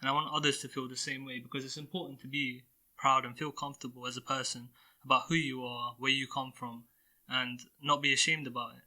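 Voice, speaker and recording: A man's voice: mid-range voice, level tone, fairly quick, bright, forceful tone, poor audio. A teenage male student speaking earnestly in a school podcast discussion. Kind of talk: casual discussion.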